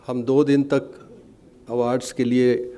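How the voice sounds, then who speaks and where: A middle-aged man giving a formal speech at an award ceremony, pausing often with fillers. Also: mid-range voice, flat delivery, mellow, slight background noise. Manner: hesitant, many filler sounds, measured. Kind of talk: formal ceremony speech, Hindi mixed with English.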